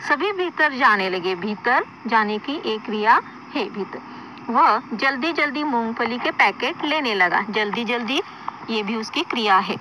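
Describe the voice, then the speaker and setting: A woman teacher giving a recorded school lesson, explaining slowly, repeating words and putting questions to her pupils. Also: a little high, lively intonation, bright, forceful tone, a little hiss or hum, rough recording.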